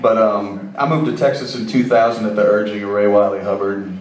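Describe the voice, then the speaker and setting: Unhurried male musician from Ohio for a radio interview; roomy, distant sound. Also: on the low side, level tone. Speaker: musician guest.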